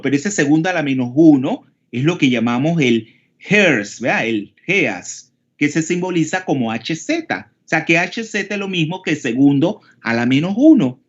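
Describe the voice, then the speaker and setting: Panamanian male teacher, higher voice, explanatory, keeps checking in with the class; muffled lo-fi online-class audio. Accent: Panamanian Spanish. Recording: dull lo-fi call audio.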